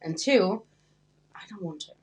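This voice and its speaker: Young woman, podcast co-host; easy casual chat, quick to laugh, acts out the people she describes. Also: mid-range voice, expressive, a crowd in the background. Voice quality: laughs often, acts out quoted exchanges.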